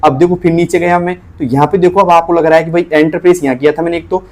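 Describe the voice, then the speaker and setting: Man with a slightly high voice tutoring typing. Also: steady tone, darkish tone. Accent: Rajasthani Hindi. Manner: repeats points, spells letters out slowly. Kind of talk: casual teaching.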